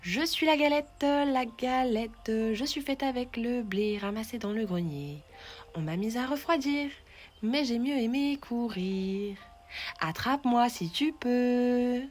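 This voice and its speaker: A woman voicing a proud, playful little round cake that chants its teasing song in a high, stretched sing-song. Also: sing-song, measured pace, hardly any pauses, a little mellow, soft background music. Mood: cheeky.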